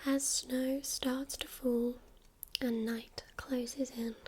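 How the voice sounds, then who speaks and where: A woman in a whispered role-play as a friendly librarian, speaking in a hushed, gentle library whisper close to the microphone. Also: high-pitched, flat delivery, drawn-out words, slightly rough. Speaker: friendly librarian recommending books.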